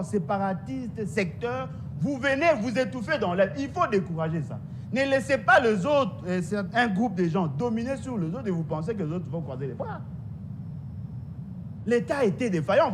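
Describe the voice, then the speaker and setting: A man from DR Congo with a Congolese French accent, arguing emphatically as a guest in a political debate, repeating his points. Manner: emphatic, repetitive, insistent. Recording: noisy studio audio with rumble.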